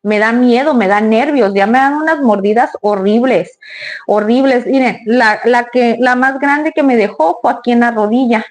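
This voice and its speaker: Chatty woman, fairly high voice. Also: normal speed. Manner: chatty, rambling, addresses viewers directly. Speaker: vlogger. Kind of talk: casual storytelling to the camera.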